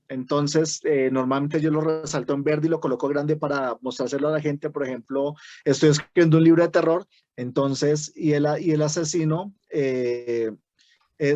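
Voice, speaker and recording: A man's voice: fairly high pitch, a little mellow, no echo, dull audio. A man with a Bogotá Colombian accent teaching a writing workshop, explaining step by step and often checking in with "¿sí?". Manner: explains with many "¿sí?" checks and self-restarts. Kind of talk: online workshop lecture.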